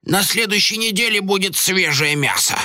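A man's voice: high-pitched, animated, normal speed, bright, forceful tone, dry recording, studio quality, voice pushed up, full character voice. A man doing a cold, greedy dealer. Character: cold, greedy male trader in children.

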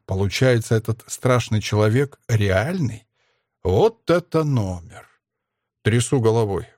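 A man's voice: medium pitch, a little mellow, no room sound, studio quality. A man narrating first-person fiction for an audiobook in a wry, conversational way.

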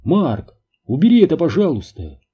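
A man's voice: on the high side, very animated, moderate pace, slightly rough, lo-fi sound, voice pushed up, exaggerated voice. A man voicing an anxious grown brother trying to keep the peace, in an audiobook. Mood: nervous, pleading. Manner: pleading, nervous.

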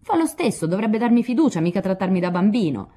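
Indignant proud youth, read by a woman; husky, warm tone. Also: mid-range voice, very animated, fast, pitched above the performer's own voice. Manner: indignant, blustering. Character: hot-tempered proud young man.

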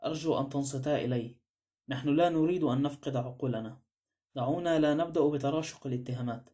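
A man's voice: a little high, fast talker, dark tone, natural voice. A man voicing a cool, sardonic male adventurer in an audiobook drama, speaking with dry composure.

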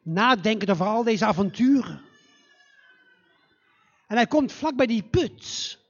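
A male storyteller tells a fairy tale live in a church, slow and dramatic, his high voice swooping widely. His tone is breathy and husky. The recording is dull and muffled. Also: lively intonation.

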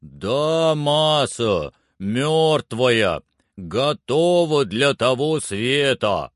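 A man reading aloud and voicing an older male servant who calls down from high up a tree in a plaintive, drawn-out way. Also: very animated, no room sound, studio quality.

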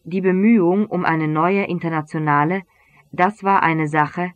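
A reader narrating a German novel as an audiobook in a measured, even way. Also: mid-range voice.

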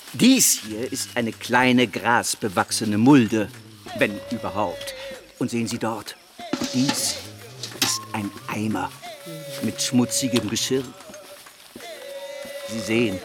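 In a radio play, a male actor with a lowish voice portrays an eccentric, lecherous missionary preacher. He rambles and fawns, tossing out self-satisfied rhetorical questions.

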